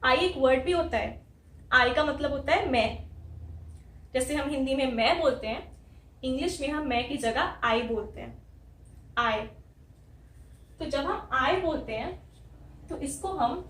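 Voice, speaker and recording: An Indian woman teaching an English lesson, spelling out sounds letter by letter in a slow, careful way. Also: high-pitched, lively intonation, fairly bright tone, roomy sound, recorded from a distance, a little hiss or hum, rough recording. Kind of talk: spoken language lesson.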